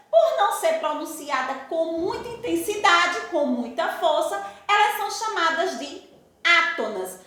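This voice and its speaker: A woman teacher with a Brazilian Portuguese accent giving a recorded school lesson, stretching out example words slowly and with emphasis. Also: extremely high pitch, bright, forceful tone. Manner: slow, drawn-out, emphatic over example words. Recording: very echoey room.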